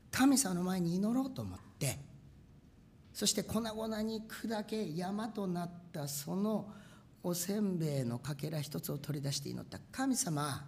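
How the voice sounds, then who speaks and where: Animated preacher voicing machine sound effects. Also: mid-range voice. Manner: animated, acts out machine noises with sound words. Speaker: pastor. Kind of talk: sermon storytelling.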